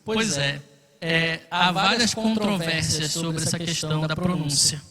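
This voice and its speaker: A man's voice: on the high side, fairly even intonation, measured pace, long reverb tail, crowd noise. A man teaching a Bible study class, explaining patiently and checking in often with his listeners. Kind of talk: classroom lecture.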